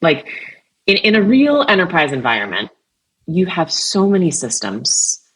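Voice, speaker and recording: A woman guest on a business podcast, talking in energetic, emphatic bursts. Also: lowish voice, normal speed, breathy edge, poor audio. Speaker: guest, CRM vice president. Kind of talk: podcast interview.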